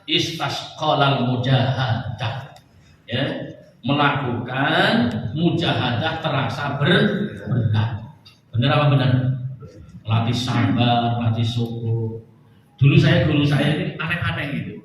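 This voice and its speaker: A man giving an Islamic study sermon to a gathered audience, lively and joking with the listeners. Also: mid-range voice, takes it slowly, long pauses, recorded from a distance, a little hiss or hum. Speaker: religious teacher. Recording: echoey hall, speaker off-mic.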